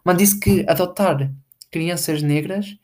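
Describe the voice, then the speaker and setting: Low-voiced sarcastic Portuguese woman ranting. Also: slow, a little mellow. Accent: European Portuguese. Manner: profane, rambling, sarcastic. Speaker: content creator. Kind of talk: casual commentary rant.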